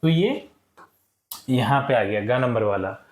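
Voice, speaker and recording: A male teacher walking young pupils through textbook answers, saying each word slowly for them to repeat and often checking in with "ठीक है". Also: mid-range voice, lively intonation, echoey room. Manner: slow and deliberate, checks in with frequent "ठीक है". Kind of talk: classroom lesson walkthrough.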